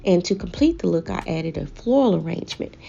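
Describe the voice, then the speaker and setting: Female home decor vlogger, scripted narration, lowish pitch with vocal fry, measured phrasing. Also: animated, mellow, lo-fi sound, a little hiss or hum. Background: background music.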